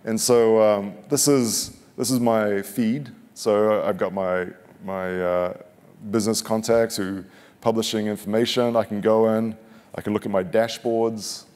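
On a conference stage, a forties-aged man jokes his way through a casual live product demo, repeatedly halting and restarting what he says. His voice sits on the low side, darkish and steady, a little slow. A headset mic captures him, with a big hall's long reverb around it.

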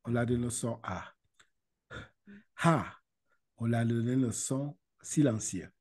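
A man's voice: medium pitch, unhurried, a little mellow. A man teaching how to read the Quran over a video call. He talks casually, laughs often, repeats syllables and slips into English. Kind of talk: casual online lesson.

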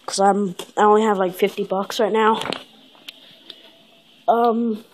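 A woman's voice: mid-range voice, fairly even intonation, slow, a little hiss or hum. A woman vlogging in a casual, rambling way, upbeat and full of fillers. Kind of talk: casual vlog chat.

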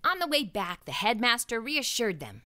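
Reading from a children's storybook, a woman brings the story to life as an expressive narrator. Her voice sits a little high, and her pace is moderate.

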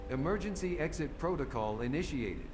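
A man voicing a cold computer system in a video game, with a glitching, slowed robotic sound and a flat, clipped announcer tone. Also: a little high, over music. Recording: distant voice with long reverb and noise.

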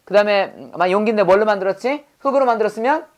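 This middle-aged male pastor races along in a high voice while teaching English words. It's a call-and-response classroom drill: he asks quiz questions, gets the class to repeat after him, and corrects how they pronounce things.

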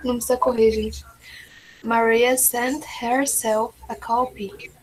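A woman's voice: a little high, flat delivery, takes it slowly, slightly rough, low-quality recording. A woman student in an online English class over a video call, repeating phrases after the teacher and asking short questions. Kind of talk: pronunciation practice in online class.

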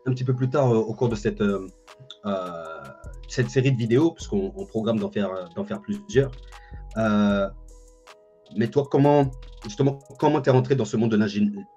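Mellow and lowish, the host's voice keeps a moderate pace as this thirty-something man leads a casual interview, often repeating what he says. He's indoors by a bookshelf on a video call, and the dull, lo-fi audio carries music behind him.

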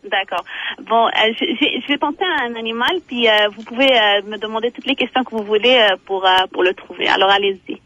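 A woman calling in to a radio show by phone, speaking haltingly with frequent fillers. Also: on the high side, a bit bright. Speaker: caller. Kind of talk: phone-in call. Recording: tinny phone line.

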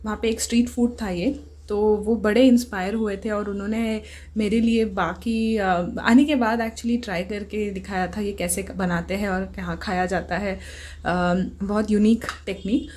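Her voice is medium-pitched and darkish, with a steady tone at a normal pace, as this woman in her thirties hosts a cooking show in her home kitchen. She chats informally, offering encouragement and asking questions to guide things along.

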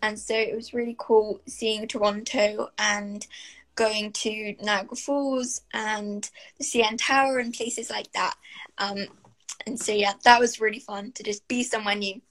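Unhurried and level, her mid-range voice is a bit bright as this young actress from South Wales, speaking with a Welsh accent, casually answers interview questions. She's thoughtful and hedges with many fillers, calling in via laptop webcam from a small bright room, and the audio is poor.

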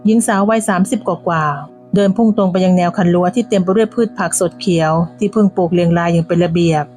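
A woman reading a scripted moral tale in a calm, even storytelling manner. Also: on the low side, quick pace, faint music behind.

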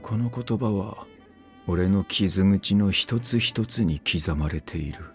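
These game voice lines feature a man playing a brooding immortal swordsman worn down by time. He goes at a slow pace, terse and clipped, low, curt and grim, with soft music beneath.

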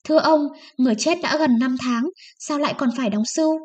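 A woman's voice: high-pitched, fairly quick, a little mellow. A woman voicing a poor, desperate peasant wife who pleads and sobs, raising her voice above her reading tone. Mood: pleading. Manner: pleading, sobbing.

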